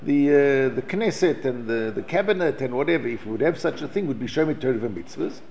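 Brisk and creaky, with a darkish tone and lively intonation at medium pitch, a South African man teaches a Torah class. He reads Hebrew passages, explains them in English, and often restarts and repeats words. The recording is lo-fi and dull.

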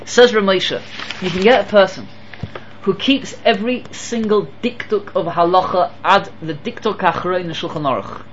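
A man giving a Torah lecture as a rabbi. He mixes Hebrew and Yiddish terms into his English and swings between emphatic and hushed delivery. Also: high-pitched, moderate pace, muffled recording, a little hiss or hum.

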